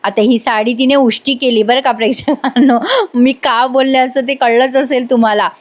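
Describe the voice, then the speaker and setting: A woman's voice: sits high, fairly even intonation, normal speed. A woman giving a chatty voice-over recap of a TV episode, talking straight to her viewers. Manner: chatty, addresses viewers directly. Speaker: TV show reviewer.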